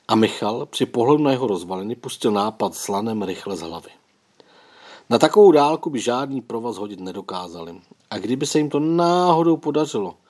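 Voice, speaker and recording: A man narrating a children's adventure story in a calm, scripted reading. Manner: reads all characters himself, quotes lifted higher and louder. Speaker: audiobook narrator.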